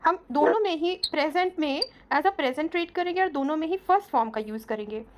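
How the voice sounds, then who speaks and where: High-voiced woman teaching English grammar. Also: expressive, slight background noise. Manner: patient, explains step by step, switching between Hindi and slow English examples. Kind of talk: bilingual English grammar lesson.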